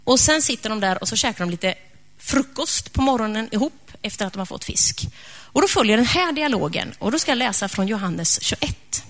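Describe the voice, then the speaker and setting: A woman preacher retelling a story in a lively, conversational sermon. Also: fairly high pitch.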